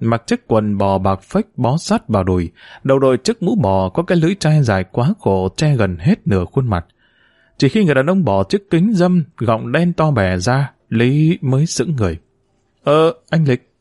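A male audiobook narrator who reads a novel steadily and expressively, his pitch rising and falling in lively arcs. His voice is mid-pitched and sounds dry and close, with no room sound. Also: no room sound. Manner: expressive, steady literary reading. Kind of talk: scripted narration.

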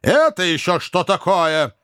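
A man doing a blustering, hot-tempered old gentleman. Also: high-pitched, very animated, normal speed, dry recording, studio quality, pitched above the performer's own voice. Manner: blustering, shouting orders.

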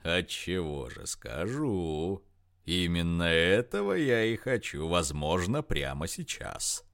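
A hulking aging man with a deep, unhurried, purring voice drifts through his lines in this audiobook, as a male narrator puts him on. The pitch sits well below the reader's own and swings widely. Soft and indulgent, he savours every word. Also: sing-song, exaggerated voice. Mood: lustful. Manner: low, slow, purring seductive drawl. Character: older man, big, sleepy, lustful, smug. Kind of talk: audiobook character voice.

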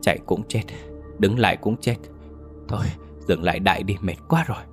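Old woman street vendor in a ghost story, panicky and pleading, read by a deep-voiced man. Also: brisk, soft background music, close to an everyday voice. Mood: weary. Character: frightened old woman cake seller.

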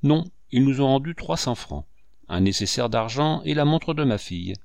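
A man reading aloud, voicing an excitable, gullible middle-aged English mother who gushes breathlessly. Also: medium pitch, normal speed, vocal fry, no echo, clean studio sound, voice pushed up. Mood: gushing.

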